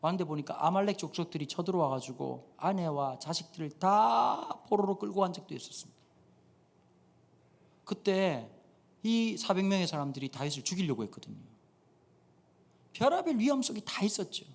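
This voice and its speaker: A man's voice: high-pitched, moderate pace, vocal fry, long pauses. A man in his thirties preaching a humorous sermon in a church, telling stories and acting out the dialogue. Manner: animated storytelling, acts out dialogue. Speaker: pastor. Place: church sanctuary.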